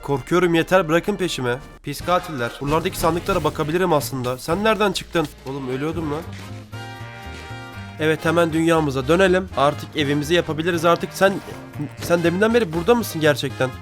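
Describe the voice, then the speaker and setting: A man's voice: fairly high pitch, fast. Young man chatting over a game. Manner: chatty, talks to the game mobs, slangy. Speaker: gaming YouTuber. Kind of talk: casual let's-play commentary. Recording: music faint behind voice.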